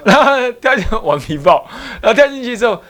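Animated Buddhist abbot telling a story. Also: male voice, very high voice, a little fast. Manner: animated, rhetorical questions, acts out voices. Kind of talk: dharma lecture storytelling.

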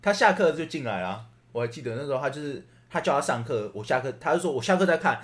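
A young man in casual chat, relaxed and prompting his friend with short questions. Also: medium pitch, fast.

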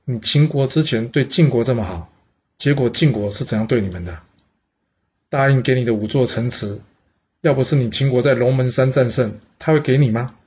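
A man's voice: mid-range voice, a little fast, a little mellow, husky. A man voicing an aging male envoy who reasons earnestly, step by step. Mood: persuasive. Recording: dull lo-fi audio.

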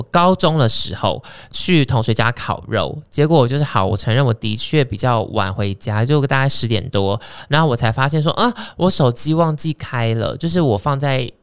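A man in his thirties from Taiwan, hosting a casual chat podcast and telling stories in an animated way. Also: medium pitch, clean tone. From Kaohsiung, Taiwan. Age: 30s. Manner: animated, quick storyteller. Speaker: podcast host.

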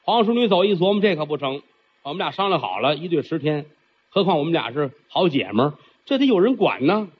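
A man's voice: fairly high pitch, big pitch swings, brisk, a little hiss or hum. A man performing traditional storytelling, theatrical and chatty, with frequent asides to the listener. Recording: dull lo-fi recording.

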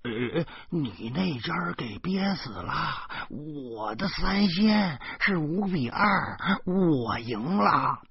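A man voicing a quick-tempered, stubborn elderly mother who grumbles and snaps, on a slightly muffled recording. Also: on the high side, big pitch swings, creaky, husky, pitched above the performer's own voice, full character voice. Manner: grumbling, snappy.

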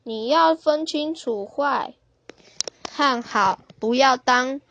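A woman's voice: high voice, slow, fairly bright tone, dull audio, full character voice. Woman reading a blunt, no-saying lady from a kids' story, firm and scolding. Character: blunt, stubborn woman who refuses everything.

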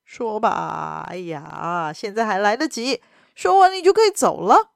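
Woman voicing a bold gentleman thief, curt, commanding, lively pitch, dry close sound. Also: measured pace, creaky, no echo. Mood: threatening.

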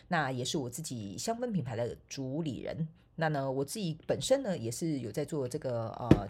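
A woman with a Taiwanese Mandarin accent speaks in an extremely low, darkish, slightly rough voice. She's a spiritual coach and online course instructor delivering a casual monologue, playful and self-mocking, full of laughs and filler particles.

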